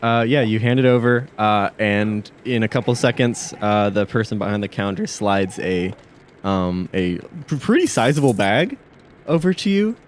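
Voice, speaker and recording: A man's voice: on the low side, expressive, normal speed, slight background noise. A man narrating a tabletop game as game master, hesitant, with many fillers and restarts.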